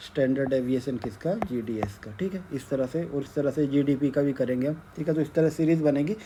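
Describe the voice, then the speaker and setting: A man teaching econometrics in a slow, step-by-step lecture, checking in after nearly every sentence and mixing in English terms. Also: on the high side, warm tone, a little hiss or hum. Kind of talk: whiteboard lecture.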